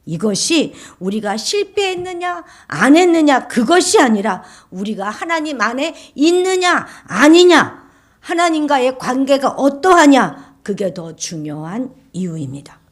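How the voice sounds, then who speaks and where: A middle-aged woman preaches a sermon, her pitch rising and falling in lively swings. She moves from loud, emphatic declarations to hushed near-whispers. She slips into the voices of critics as she quotes them. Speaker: pastor.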